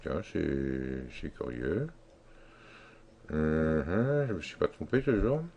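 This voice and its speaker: Slow deep-voiced man explaining software. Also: expressive, gravelly. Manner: slow, halting explanation with many fillers and restarts. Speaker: tutorial instructor. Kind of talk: screen-recorded software tutorial.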